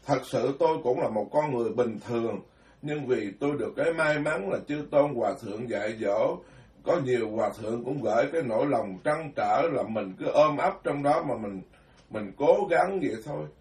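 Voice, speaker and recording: A man's voice: medium pitch, lively intonation, normal speed. Male Buddhist monk, frank lecturing voice, recorded from a distance. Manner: blunt, scolding, self-deprecating. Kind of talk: sermon. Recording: echoey room, far from mic.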